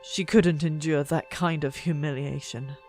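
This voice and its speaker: An audiobook narrator reads dramatic scripted fiction in a mid-pitched voice, very unhurried and expressive, building suspense. Soft music plays faintly underneath.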